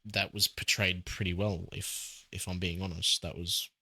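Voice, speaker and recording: A man's voice: low voice, level tone, moderate pace, creaky, bright, forceful tone, breathy edge, dry recording. A man co-hosting a casual chat, talkative and hedging, now and then acting out quotes. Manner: chatty, hedging, acts out quotes from scenes. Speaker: podcast co-host.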